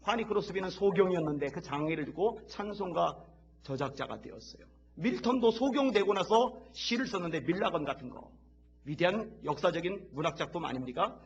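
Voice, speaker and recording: Impassioned high-voiced male pastor preaching. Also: expressive, fairly quick, breathy edge, lo-fi sound. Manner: swings from soft talk to loud impassioned shouting; leads the congregation in call-and-repeat. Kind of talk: sermon. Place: church sanctuary.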